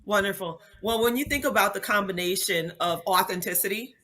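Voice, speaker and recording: A woman's voice: medium pitch, a little fast, sharp tone. A woman speaker and coach answering interview questions in a polished, upbeat way.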